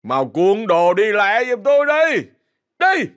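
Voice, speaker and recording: A man's voice: lowish voice, moderate pace, no room sound, lightly acted. A man voicing a drunken, bitter young husband who lashes out. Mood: angry drunk. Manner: slurring, lashing out.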